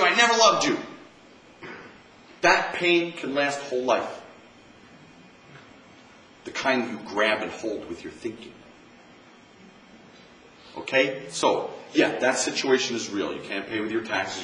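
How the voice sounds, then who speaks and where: A man's voice: fairly low pitch, fairly bright tone. An American man, a Zen monk, giving an informal meditation talk in a conversational way, often repeating phrases for emphasis. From United States. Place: campus lecture room. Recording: roomy, distant mic, faint hiss.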